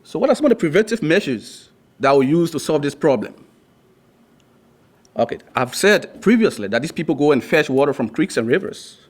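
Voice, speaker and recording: Young man from Liberia presenting to a class. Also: mid-range voice. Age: young adult. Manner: earnest, with frequent restarts and fillers. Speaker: student presenter.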